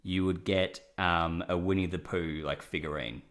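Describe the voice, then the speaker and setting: A young man from Australia co-hosting a casual chat show, chatty and quick to laugh, jumping from story to story. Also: low-pitched, fairly even intonation, a bit bright. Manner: chatty, laughs often, jumps between stories. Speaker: podcast co-host.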